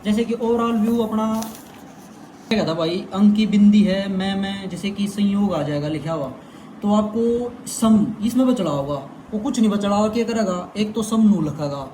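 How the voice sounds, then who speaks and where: Young guy teaching exam tricks, kinda high voice, chatty, bit of faint noise. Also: warm tone. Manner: chatty, repeats "bhai" to the viewer. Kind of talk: casual explainer lesson.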